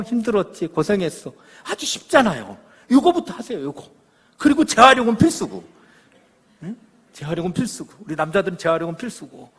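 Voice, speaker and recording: A man's voice: sits high, husky, big-room sound. A middle-aged man giving a church parenting lecture, telling stories with acted-out quotes and often checking in with the audience. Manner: animated storytelling, acting out quoted lines, checking with the audience. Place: church hall.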